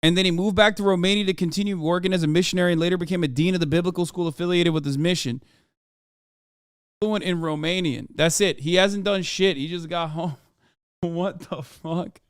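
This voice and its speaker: A man's voice: high-pitched, fairly even intonation, fast talker, smooth, dry recording, clean studio sound. A man in his thirties streaming and reacting to a video, swearing and mocking in disbelief. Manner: profane, incredulous and mocking. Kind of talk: casual live-stream commentary.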